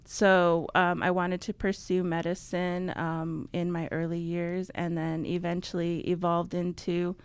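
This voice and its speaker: A woman's voice: lowish voice, little pitch movement, measured pace, few pauses, smooth, dry recording. A young adult woman from Navajo, New Mexico, a guest in a radio studio, talking casually and fillings her sentences with ums. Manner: chatty, many ums, laughs easily. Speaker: guest, outreach coordinator. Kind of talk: casual interview talk.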